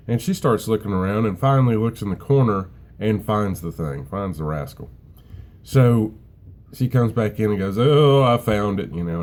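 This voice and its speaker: A middle-aged man casually telling a long personal story as host, rambling and relaxed with many fillers. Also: on the low side. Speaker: author and host of a short story segment.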